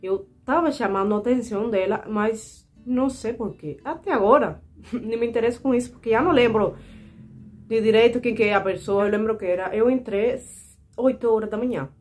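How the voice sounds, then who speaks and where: A woman's voice: on the high side, a little fast, faint music behind. Chatty Cuban woman in her twenties. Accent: Cuban Spanish. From Cuba. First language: Spanish. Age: 20s. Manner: chatty, animated, frequent fillers and asides to viewers. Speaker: vlogger. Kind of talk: casual storytelling to camera.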